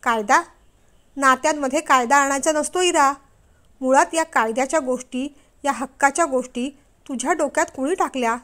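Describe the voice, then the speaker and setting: Storybook husband, middle-aged, loud stern rebuker, read by a woman, high-pitched. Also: moderate pace, close to an everyday voice. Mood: stern, angry. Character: angry scolding husband, middle-aged man.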